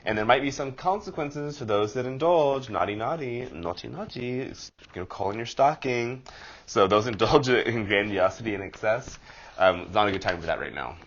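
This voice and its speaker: A man's voice: fairly low pitch, normal speed, fairly bright tone, highs cut off. A man with a nasal voice hosting a casual horoscope vlog, chatty and rambling with a self-deprecating streak. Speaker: astrology vlogger.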